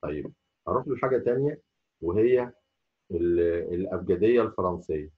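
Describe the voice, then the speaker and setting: A man with an Egyptian Arabic accent teaching a French lesson, saying each letter slowly and repeating it. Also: sits low, animated, slightly rough, phone-quality sound. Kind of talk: spoken language lesson.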